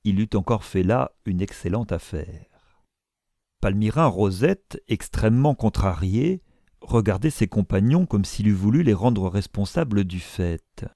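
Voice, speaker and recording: A man narrates a classic novel, expressive and measured. His voice is low, gravelly and dark, with lively pitch movement. The sound is dry and close. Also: no echo.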